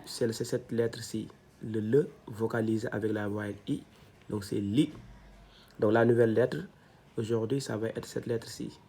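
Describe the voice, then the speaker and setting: A man teaching a reading lesson step by step, patient and repeating each syllable slowly so learners can follow. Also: fairly low pitch, darkish tone. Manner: slow, patient, repeats syllables to model them.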